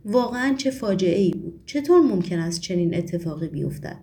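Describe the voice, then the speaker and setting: A woman's voice: mid-range voice, lively intonation, dark tone, close to an everyday voice. A woman voicing a sobbing, theatrical man. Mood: tearful. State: crying, sobbing.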